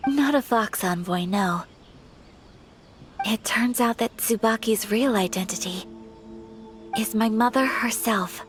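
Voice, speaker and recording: A gentle young noblewoman from a video game. Her voice is fairly high, and she speaks politely and thoughtfully, in measured, formal phrases. Music sits softly behind her. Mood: gently earnest. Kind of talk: video game character voice acting. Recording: soft background game music.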